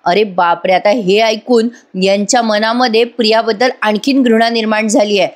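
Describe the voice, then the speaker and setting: A woman's voice: medium pitch, fairly even intonation, moderate pace. Chatty woman recapping a TV serial. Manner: conversational, addresses viewers directly. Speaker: TV serial reviewer. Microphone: voice-over microphone.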